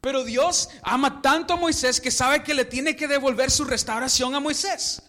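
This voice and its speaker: A man preaching a sermon in a relaxed storytelling way, sometimes stopping to search aloud for a word. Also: extremely high pitch, normal speed, long reverb tail.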